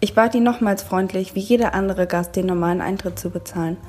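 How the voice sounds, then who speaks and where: A woman's voice: medium pitch, quick pace, mellow, faint music behind. A woman giving a scripted diary reading in a dry, matter-of-fact storytelling manner. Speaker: diary columnist.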